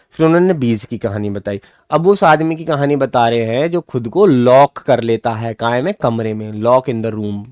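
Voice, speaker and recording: A man's voice: mid-range voice, dry recording. Man teaching a class, dry close sound. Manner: animated, reads English lines slowly then explains them. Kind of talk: online class explaining an English story in Hindi.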